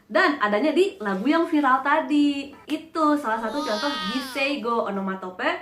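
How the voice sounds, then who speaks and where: A woman teaches a casual online language lesson in a bright, high voice. She playfully imitates animal cries and bells as she goes. The room around her rings with echo. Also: lively intonation, normal speed, noisy background. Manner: playful, mimics animal and bell sounds.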